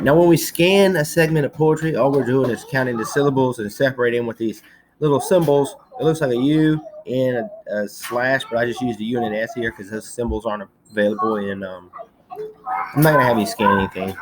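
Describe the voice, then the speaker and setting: Very low-voiced woman teacher. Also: a little fast, background noise. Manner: chatty, checks in with frequent "okay". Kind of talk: recorded slideshow lecture.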